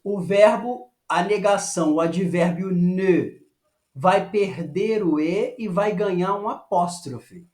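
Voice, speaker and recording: Man, language teacher, slow and patient, roomy echo. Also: sits high, darkish tone. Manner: patient, repeats "ok?" often, slows down to model French phrases. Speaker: French teacher. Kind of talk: online language lesson. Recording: echoey room.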